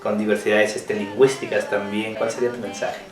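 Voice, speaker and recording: A man's voice: lowish voice, level tone, fairly quick, over music. A man from Peru interviewing a teacher at her home, hesitant, with many fillers and restarts. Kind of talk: interview questions. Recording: roomy, mic at a distance.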